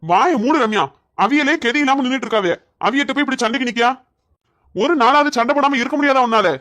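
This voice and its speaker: A woman voicing an exasperated grown son and husband in a family comedy skit, fast, scolding and fed up. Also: sits high, fairly bright tone.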